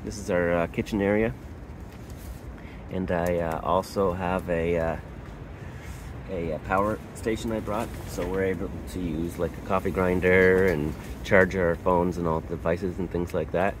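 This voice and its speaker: A man from Canada giving a casual tour of his camping setup inside a hot tent, pausing often with uh and restarting sentences. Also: low voice, fairly even intonation, noisy background. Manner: halting, lots of uh and restarts. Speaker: camping vlogger.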